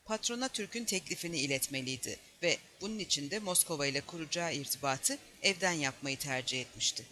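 A man reading a novel aloud as an audiobook, in a steady, measured narration that lightly voices the dialogue. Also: a little high. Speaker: audiobook reader.

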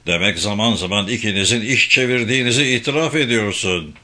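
A man's voice: lowish voice, brisk, bright, forceful tone. A man reading a stern, sarcastic middle-aged male camp colonel who questions coldly in an audiobook.

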